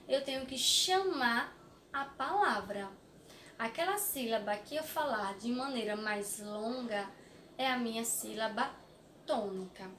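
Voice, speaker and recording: A young Brazilian teacher speaking to small children in a slow, high, sing-song voice, drawing out her words so each one lands clearly. She sounds a little distant from the mic, in an echoey room. A faint hiss sits under her voice. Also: a bit bright. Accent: Brazilian Portuguese. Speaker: primary school teacher. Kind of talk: recorded remote class for children.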